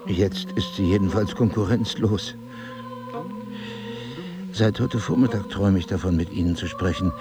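In an intimate two-person audio drama, a male actor with a low voice plays an intense, probing crime-writer husband who has lost his memory. His delivery is insistent, questioning, and theatrically eloquent.

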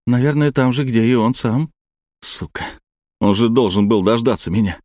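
A man's voice: medium pitch, normal speed, a little mellow, no echo, clean studio sound, lightly acted. A man reading the part of a stubborn, short-tempered middle-aged father in an audiobook. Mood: angry. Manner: growling, angry.

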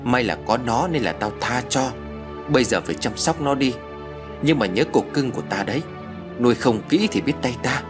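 A man's voice: medium pitch, expressive, moderate pace, music in the background, lightly acted. A man voicing a bossy, scolding old mother-in-law in a spoken horror story. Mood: doting. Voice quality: sharp, scolding.

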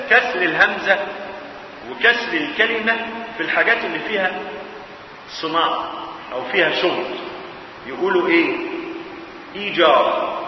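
A middle-aged man with an Egyptian accent teaching Islamic jurisprudence in a casual lecture, asking questions and answering them himself. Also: fairly high pitch. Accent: Egyptian Arabic. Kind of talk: colloquial classroom lecture. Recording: echoey hall, far mic, dull, hiss.

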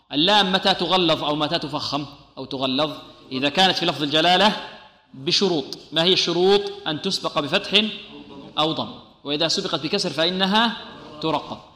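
A man teaching Quran recitation rules, asking his class questions and answering them himself, and drawing out sounds slowly to demonstrate them. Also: a little high, sharp tone. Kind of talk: tajweed lesson. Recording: echoey room with long reverb.

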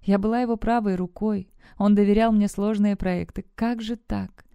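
A woman's voice: mid-range voice, steady tone, moderate pace, mellow, smooth, no echo, highs cut off, close to an everyday voice. Lora, an indignant young widow, read by a woman. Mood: pleading. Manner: demanding and pleading.

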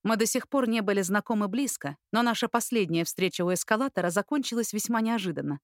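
A woman narrating an audiobook in clear, even scripted narration. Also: mid-range voice, fast, dry recording, clean studio sound.

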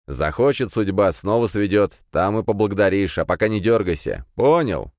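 A man voicing a calm, worldly middle-aged crime boss who talks unhurriedly, in an audiobook. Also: on the low side, normal speed, dry recording, studio quality, voice pushed up.

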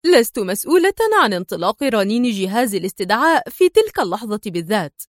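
A woman voicing a nervy, sharp-tongued young woman agent who sounds tense and snappish. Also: medium pitch, animated, fairly quick, gravelly, dry recording, studio quality.

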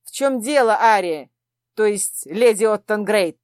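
A woman doing an arrogant dark-mage prince, curt and venomous, storybook. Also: fairly high pitch, sing-song, measured pace, no room sound, clean studio sound.

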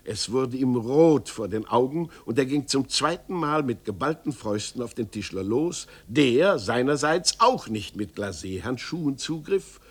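A man narrating a story in a lively, expressive literary reading for radio. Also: mid-range voice, unhurried, hardly any pauses, breathy edge.

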